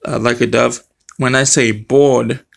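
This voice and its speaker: A middle-aged man with a speech impediment that blurs his R and W sounds, talking casually and haltingly to the camera. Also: mid-range voice, steady tone, vocal fry, fairly bright tone. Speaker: vlogger. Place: small room at home. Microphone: webcam or phone close to face.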